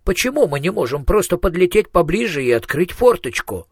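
Male narrator doing a high-strung wizard, fretful, quippy, voice raised. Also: big pitch swings, breathy edge, no echo, studio quality, exaggerated voice. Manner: high, fretful, quick to quip. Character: nervous, wry male wizard in flight.

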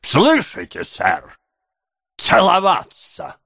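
A pompous, stern parish official, put on by a male narrator, blustering with lofty indignation. He talks slowly and weightily, with a lively swing in his pitch, on a dry, close audiobook recording. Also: gravelly, breathy edge, no echo, exaggerated voice. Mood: indignant. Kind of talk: audiobook character voice.

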